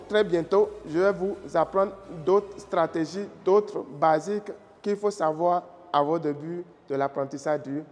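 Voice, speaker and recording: A man's voice: a little high, slight background noise. A man teaching a lesson, patiently explaining and repeating key points. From Africa. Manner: patient, repeats key phrases, checks understanding. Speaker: Mandarin teacher and channel host. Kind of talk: slow explanatory lesson with tone demonstrations. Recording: reverberant room with faint music.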